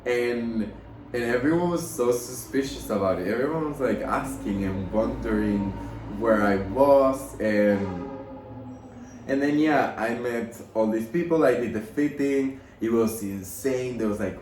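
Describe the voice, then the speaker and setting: A man's voice: medium pitch, unhurried, a little mellow, faint music behind. A young man casually telling a story time at home, rambling with lots of "like" fillers and emotional gushing. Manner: rambling, heavy use of "like" fillers. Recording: roomy echo.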